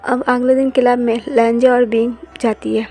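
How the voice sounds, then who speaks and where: Woman narrating a story in a flat voice. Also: fairly high pitch, normal speed. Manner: even, steady reading. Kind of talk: storytelling of a fan fiction. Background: faint background music.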